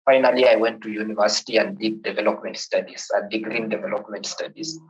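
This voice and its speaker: Fast and steady, with a fairly low pitch, a Kenyan-accented man from Kenya in his thirties looks back on his life for a podcast host. He tends to repeat words when beginning sentences, and the recording is lo-fi.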